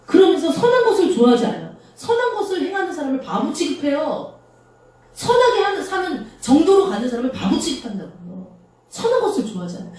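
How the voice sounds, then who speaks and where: A woman pastor with a warm voice on the high side preaches a sermon in a small church. She speaks conversationally and poses rhetorical questions to the congregation. The room is very echoey and her voice sounds far off.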